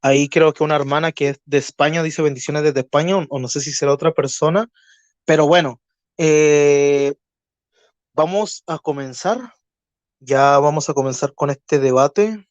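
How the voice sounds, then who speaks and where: A Chilean man with a slightly high voice hosts an online debate, his talk courteous and measured, full of small hesitations. The sound is dry and muffled, as from a modest home setup. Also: steady tone, no room sound. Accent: Chilean Spanish. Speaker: debate moderator. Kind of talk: live-stream debate moderation.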